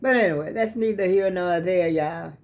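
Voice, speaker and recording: A woman's voice: lowish voice, moderate pace, a little mellow. An American woman with plugged-up sinuses, chatting casually to her viewers in a folksy, rambling way. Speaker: vlogger. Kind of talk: casual chat vlog to viewers.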